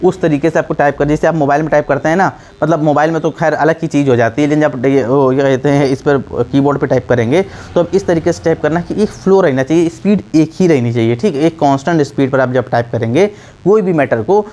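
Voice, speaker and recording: A man's voice: on the high side, quick pace, a little mellow. A man teaching typing in a casual, repetitive way, full of fillers and restarts, often checking that the listener follows. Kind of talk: casual spoken tutorial.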